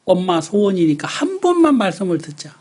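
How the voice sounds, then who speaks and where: A man in his sixties preaching with a thick Jeolla accent. His voice sits high and swings widely as he tells the story. He tells it like an animated testimony and acts out his own past words. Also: fairly quick, husky. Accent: Jeolla dialect. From Namwon, South Korea. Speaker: pastor. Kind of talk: Sunday sermon with personal testimony.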